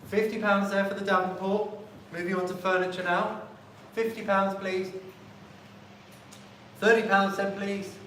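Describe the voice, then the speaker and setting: A man's voice: sits high, little pitch movement, unhurried, fairly bright tone. Echoey male auctioneer calling bids in repetitive chant. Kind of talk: live auctioneering patter, repeating bids. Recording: very echoey room, distant mic, faint noise.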